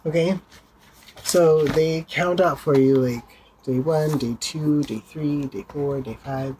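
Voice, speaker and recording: A vlogger talks casually to the camera from home, rambling a little while holding items up to show them. The voice sits at a middle pitch. A faint hiss of room noise stays in the background. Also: dark tone, rough recording. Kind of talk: casual video update. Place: home, indoors.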